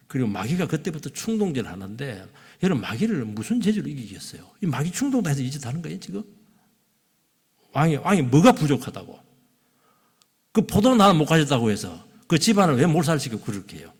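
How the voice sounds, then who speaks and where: A man preaching a sermon as pastor in a church, swinging between loud exclamations and hushed asides. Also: on the high side, big pitch swings, a little fast, slightly rough. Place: church sanctuary. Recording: long reverb of a church hall.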